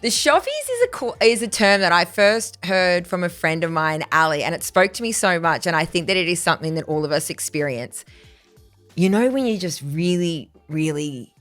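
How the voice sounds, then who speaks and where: A woman's voice: on the low side, sing-song, moderate pace, a bit bright, faint music behind. A woman in her thirties with an Australian accent, co-hosting a casual chat podcast and telling self-mocking stories. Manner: chatty, storytelling, self-mocking. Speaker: podcast co-host.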